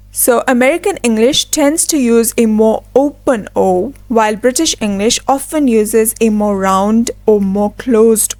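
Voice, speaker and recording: A woman with a fairly high voice walks through a scripted pronunciation lesson. She slows down to model each example word with careful, deliberate emphasis. The sound is dry and close, with no room around it. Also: darkish tone, no echo. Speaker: English teacher.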